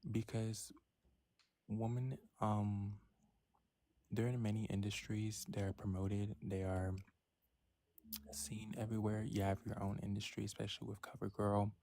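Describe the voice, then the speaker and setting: A debater in an online voice chat who talks quietly, almost in a whisper. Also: sits low, little pitch movement, a little slow, long pauses. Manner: quiet, near-whispered talk. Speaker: debate participant.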